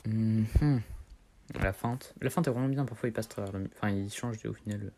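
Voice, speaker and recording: Teen guy streaming a game, low-ish voice, rambly slangy chatter that keeps restarting. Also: moderate pace, mellow, slight background noise. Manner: rambling, slangy, self-correcting. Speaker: gaming streamer. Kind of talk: casual gameplay commentary.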